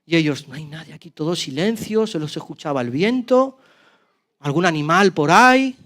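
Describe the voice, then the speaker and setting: A male pastor tells a scripture story in church. His voice sits high and swings from loud, lively exclamations to sudden hushes. The delivery is dramatic and animated throughout. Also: moderate pace. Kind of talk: sermon storytelling.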